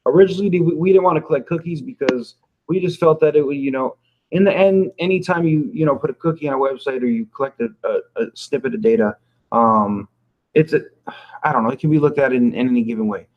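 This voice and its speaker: A man's voice: mid-range voice, quick pace. Brief: easygoing founder type, man, talks loosely with lots of fillers, dull lo-fi stream sound. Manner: laid-back, laughing often, loose filler-heavy talk. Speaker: company founder answering community questions. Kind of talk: casual livestream Q&A. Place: home office.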